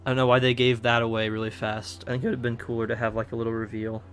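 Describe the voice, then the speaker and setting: A man's voice: mid-range voice, level tone, racing, a bit bright. A man streaming a video game, talking in a laid-back, joking way and chatting with viewers. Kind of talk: casual gameplay commentary.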